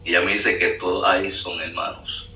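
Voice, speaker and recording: A man's voice: low-pitched, flat delivery, brisk, vocal fry, pushed and bright. A man giving an earnest spoken testimony, full of fillers. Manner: earnest, storytelling with many fillers. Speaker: guest sharing a testimony. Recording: echoey room, distant mic, faint noise.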